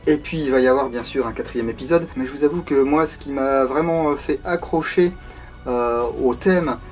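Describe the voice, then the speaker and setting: A mid-pitched man talks through a collectible replica unboxing in a loose, conversational way. He pauses often on fillers and throws in self-deprecating asides as he goes. Soft background music runs quietly under his voice. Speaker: video host reviewing airsoft replicas. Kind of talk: casual unscripted product review.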